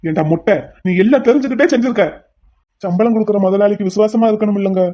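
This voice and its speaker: A rash, desperate cartoon brother, voiced by a performer rattles through his lines. His middle-pitched voice swings between angry shouts and tearful begging. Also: steady tone, fast, natural voice. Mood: accusing. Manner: shouting in anger, then pleading tearfully. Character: hot-tempered man, desperate brother turned penitent. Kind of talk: cartoon voice acting.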